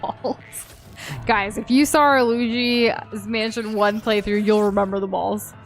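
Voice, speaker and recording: A woman's voice: mid-range voice, fairly even intonation, measured pace. A woman co-hosting a gaming session, giving casual commentary on the play. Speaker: gaming co-host. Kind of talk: casual game commentary with dramatic read-outs. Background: game music.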